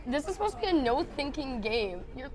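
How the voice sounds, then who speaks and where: A woman's voice: high voice, sing-song, brisk. A woman interviewing a comedian in a casual, teasing, giggly way.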